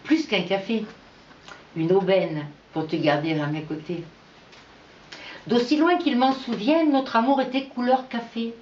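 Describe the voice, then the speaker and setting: A woman reading her own poetry aloud in an unhurried, measured recitation with pauses between verses. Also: on the high side, darkish tone, a little hiss or hum. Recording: echoey, dull lo-fi room recording.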